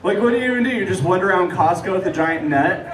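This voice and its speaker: A man performs stand-up in a casual, storytelling way, dropping in hesitant asides. His voice sits a little high for a man. He is picked up from some distance in a live room, with clear noise and audience laughter behind him. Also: lively intonation, fast, roomy sound. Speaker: stand-up comedian. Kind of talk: stand-up comedy set to an audience.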